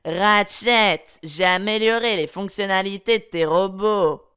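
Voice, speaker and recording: A man puts on a helpful video game inventor who walks the hero through new gadgets. His tone is calm and instructive, pitched a little low. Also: unhurried, smooth. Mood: explaining.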